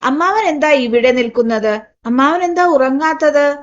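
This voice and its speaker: A woman's voice: high voice, animated, normal speed, lo-fi sound, pitched above the performer's own voice. A woman voicing a devoted young woman in an audiobook, earnest and pleading. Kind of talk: audiobook reading.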